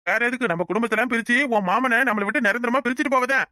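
A woman's voice: fairly high pitch, bright, forceful tone, no room sound, clean studio sound. A woman voicing a drunken village father in a cartoon family drama, scolding and self-pitying. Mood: pleading. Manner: rapid, nagging, scolding. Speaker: voice actor.

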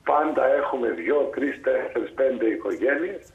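A gravelly male priest with a Greek accent talks over a tinny phone line. His voice sits in the middle range, and he tells his story with bursts of lively emphasis. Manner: animated, jumps to high pitch for emphasis. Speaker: Orthodox priest, guest by phone. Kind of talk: warm storytelling on a phone call. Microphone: telephone line.

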